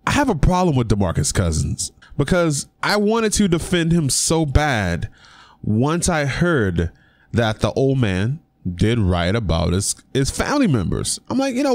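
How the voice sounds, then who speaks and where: A man's voice: mid-range voice, dry recording. A young man talking casually on his own vlog, giving his opinion with emphatic rhetorical questions. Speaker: sports commentary vlogger. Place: indoor room.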